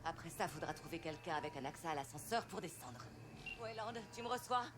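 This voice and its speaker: A woman's voice: deep voice, animated, brisk, noisy background. A woman playing a bold, foul-mouthed mercenary crew leader in a video game, cocky and commanding. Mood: low, focused. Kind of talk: video game drama acting.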